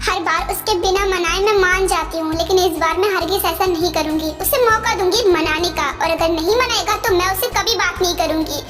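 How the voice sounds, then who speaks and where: A touchy, sulky young girlfriend, played by a woman in a homemade fan dub. Her voice sits very high, and she talks in a reproachful way. Faint music runs in the background. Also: a little fast, hardly any pauses, a bit bright. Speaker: fan dubber. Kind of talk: amateur Hindi fan dub.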